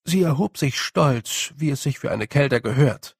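A man reading a storybook aloud in calm, measured scripted narration. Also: mid-range voice, creaky, slightly rough, dry recording, studio quality. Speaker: audiobook narrator.

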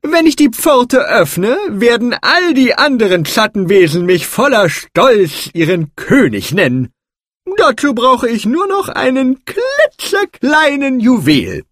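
A man's voice: very high voice, huge pitch swings, slow, a bit bright, no room sound, studio quality, pitched above the performer's own voice, exaggerated voice. A man voicing a vain, pompous male goblin king in a storybook reading, boastful and haughty.

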